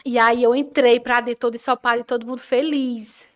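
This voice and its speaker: A young woman, a podcast guest telling a personal story in a lively way and acting out what each person said. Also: fairly high pitch, a little fast. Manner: animated, acts out the dialogue of people in her story.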